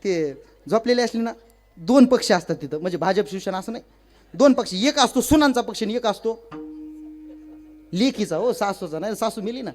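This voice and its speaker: A man preaching a comic devotional sermon, telling stories and acting out village women in a high wailing voice. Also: lively intonation, moderate pace, long pauses, faint music behind. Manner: addresses listeners as maharaj. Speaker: kirtan preacher.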